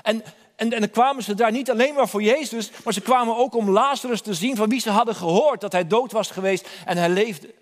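A male preacher with a high voice tells a Bible story in a church hall, and his voice rings out in a long reverb. He speaks with urgency and calls the listeners to come forward. He often repeats words as he searches for the next phrase. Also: fairly quick. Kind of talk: sermon.

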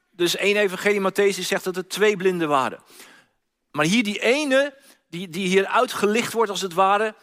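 A man's voice: high voice, a bit bright. A man preaching a sermon, retelling a story and acting out its cries, often repeating words as he goes. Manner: storytelling, acts out quoted cries, frequent repeats. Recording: long hall reverb.

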